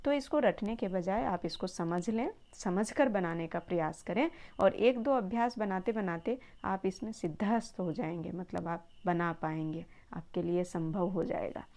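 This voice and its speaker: A woman teaching a Sanskrit textbook lesson to children, patient and encouraging, slowly repeating words to model pronunciation. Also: fairly low pitch, a little mellow.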